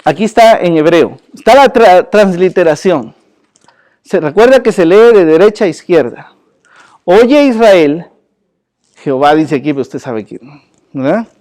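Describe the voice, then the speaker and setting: A man teaching a church Bible class in a lively, joking way, often asking his listeners questions and calling them brother. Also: a little high, moderate pace.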